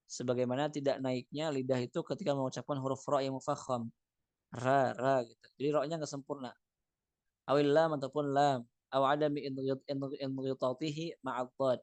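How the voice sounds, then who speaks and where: A man teaching a recitation class at an ordinary middle pitch. He reads Arabic lines and then unpacks them in a loose, conversational way, searching for words as he goes. The sound is dry, with no room echo. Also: darkish tone. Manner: reads phrases in Arabic, then explains them casually with fillers. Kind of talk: explaining a text line by line.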